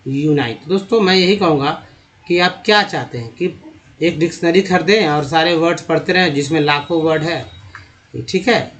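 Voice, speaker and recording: A man with a Hindi accent teaching English reading by sounding out letter groups slowly and repeating each word. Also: on the high side, fairly bright tone, muffled recording. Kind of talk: slide-based phonics lesson.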